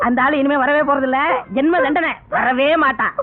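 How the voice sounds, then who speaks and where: A man's voice: extremely high pitch, normal speed, crowd noise. An actor playing a cheeky man wooing a woman in an old film comedy scene, coaxing and teasing. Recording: dull film audio over loud music.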